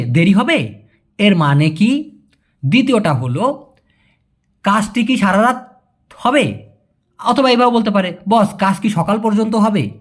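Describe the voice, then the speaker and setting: A young man from Bangladesh teaching Malay in a casual way, answering viewer questions, chatty and repeating key words slowly. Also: sits high. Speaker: language teacher.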